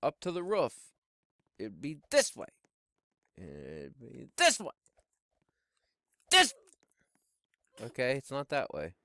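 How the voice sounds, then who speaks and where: A middle-aged man doing Let's Play commentary on a headset mic in a small home room, exclaiming and shouting as he plays. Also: medium pitch, slow pace, long pauses, no room sound, studio quality. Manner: excitable, exclaims and shouts while playing. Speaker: gaming YouTuber.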